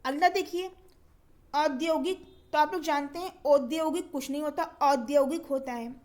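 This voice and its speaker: A woman's voice: high-pitched, fast. A woman teaching a Hindi spelling and pronunciation lesson for exam preparation, patiently repeating each word and quizzing the viewer with questions.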